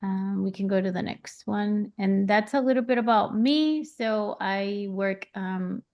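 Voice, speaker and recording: Middle-aged woman from Puerto Rico, gravelly. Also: mid-range voice, measured pace. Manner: relaxed, many ums. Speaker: realtor, webinar panelist. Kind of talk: self-introduction on a webinar.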